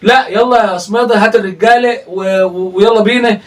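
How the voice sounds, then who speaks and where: An Egyptian man with a very high voice rattles off teasing comedy commentary, laughing and exclaiming as he goes. He talks quickly, and he sounds a little distant from the microphone. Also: steady tone. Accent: Egyptian Arabic. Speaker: comedic reaction host. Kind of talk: mocking reaction commentary on a livestream.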